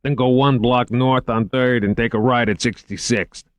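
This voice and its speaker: A man's voice: medium pitch, fairly even intonation, moderate pace, dry recording, voice pushed up, close to an everyday voice. A man voicing an irritable, profane New York police lieutenant in an audiobook, blunt and exasperated. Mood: barking directions. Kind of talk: audiobook character acting.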